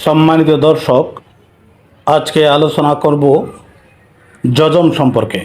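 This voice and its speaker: A man teaching Quran reading, slowly spelling out and repeating syllables for learners to practice. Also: on the high side, a little mellow, poor audio. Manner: slow, drilling syllables with repetition. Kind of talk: slow recitation lesson.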